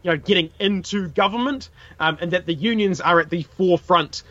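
A man with a broad New Zealand accent hosts a casual history podcast. His voice is bright and high for a man, and his wording is colloquial and peppered with swearing. The recording is a little dull and boxy. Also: brisk, no room sound. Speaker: podcast host.

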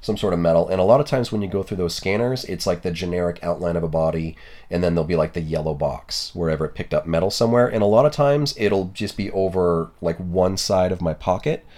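Casual podcast co-host, low-pitched man, lively storyteller who swears freely. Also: quick pace. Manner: animated storyteller, swears, many fillers. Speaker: podcast co-host, body piercer. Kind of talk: casual chat.

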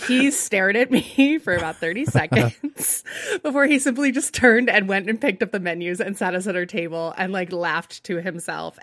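A woman's voice: on the high side, fairly bright tone, no room sound, studio quality. A woman in her thirties from the United States, co-hosting a podcast and telling a funny story in casual chat, laughing often. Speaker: podcast co-host.

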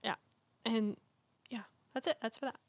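A woman's voice: a little high, moderate pace, vocal fry, no echo. Southern woman co-host, rambly casual chat, dry close mic, voice trailing off. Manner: rambling, filler-heavy, trails off softly. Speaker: podcast co-host.

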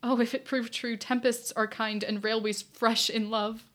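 A young woman in disguise, played by a woman, speaking verse earnestly and reflectively. Her voice is fairly high and clear. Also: level tone, normal speed, a bit bright, lightly acted. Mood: hopeful. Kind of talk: stage play performance.

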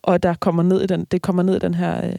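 A writer reading aloud slowly from a novel, then talking about the book with hesitant fillers. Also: medium pitch, monotone, vocal fry, warm tone, no echo, clean studio sound. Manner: slow, measured reading with hesitant fillers in discussion.

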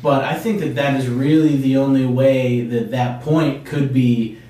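A man's voice: medium pitch, steady tone, a little slow, mellow. Man, podcast co-host, eager casual chat, far from the mic, strong room echo. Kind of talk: casual comic book chat. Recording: distant mic, very echoey room.

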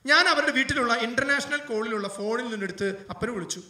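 Male priest preaching, very high voice, sharp bright tone, emotional fervent delivery, echoey room, distant mic. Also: fast. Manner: emotional preaching, rising to loud fervent appeals. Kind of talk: sermon storytelling.

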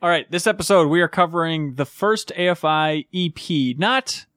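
A man in his thirties hosting a casual podcast, telling quick joking stories into a close mic. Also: a little high, fairly bright tone, no echo. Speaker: podcast host.

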